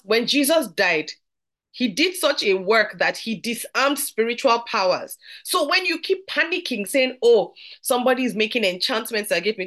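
A woman teaching a podcast Bible study, conversational and earnest, slowing down to read scripture aloud. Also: mid-range voice, fairly bright tone.

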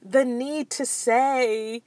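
A woman in her thirties co-hosting a casual talk show, telling a story in an animated way with many asides and self-corrections. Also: a little high, very slow, dry recording. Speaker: podcast co-host.

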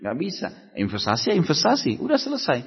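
A man's voice: fairly high pitch, huge pitch swings, quick pace, slightly rough. A man preaching at a religious study gathering, answering questions in a conversational way, acting out little dialogues and firing off rhetorical questions. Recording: echoey hall, dull lo-fi sound.

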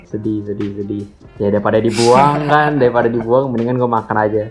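A man's voice: medium pitch, fast talker. Young man telling a breakup story. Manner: rambling, self-mocking storyteller with frequent laughs. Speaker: podcast guest. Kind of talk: casual chat. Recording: slightly dull lo-fi sound, faint music.

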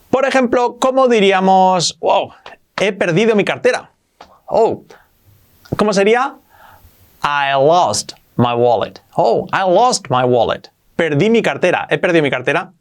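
A man with a Spain Spanish accent hosting an English lesson, energetic, repeating example phrases slowly and clearly. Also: fairly high pitch. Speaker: English teacher and host.

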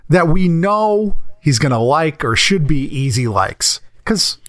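A man co-hosting a relaxed podcast chat. His voice sits a little high and swings widely in pitch, and he rambles and restarts often as he talks. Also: slow. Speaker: podcast co-host. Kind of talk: casual chat.

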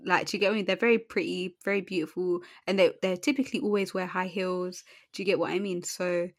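A woman's voice: lowish voice, steady tone, fast, no echo, studio quality. A young woman co-hosting a podcast in slangy, playful banter, often repeating phrases for emphasis. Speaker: podcast co-host.

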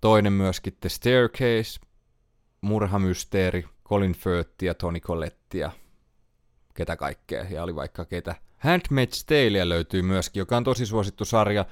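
A man with a very low voice talks through his picks on a solo podcast. He rambles casually, pausing to recall names and correcting himself along the way. The sound is close and completely dry, with no room around it. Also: no room sound. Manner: chatty, thinks aloud, trails off and corrects himself. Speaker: podcast host.

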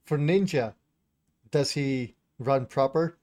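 A man's voice: mid-range voice, slow pace, mellow. A man co-hosting a podcast, casually going over anime news, hesitant and informal, often laughing. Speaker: podcast co-host.

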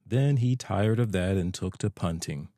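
A man's voice: low voice, measured pace, mellow, dry recording, clean studio sound. A man voicing a cheerful, sociable male water rat in a storybook reading. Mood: chatty.

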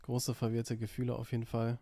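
A man's voice: medium pitch, monotone, a little fast, dark tone, no room sound, studio quality. A young man hosting a casual podcast, talking in an emphatic, colloquial and argumentative way. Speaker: podcast host. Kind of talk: casual political podcast chat. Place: attic room at home.

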